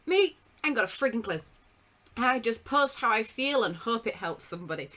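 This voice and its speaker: Bright-voiced woman host, informal and self-deprecating. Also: fairly high pitch, sing-song, brisk. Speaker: podcast host. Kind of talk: casual chat.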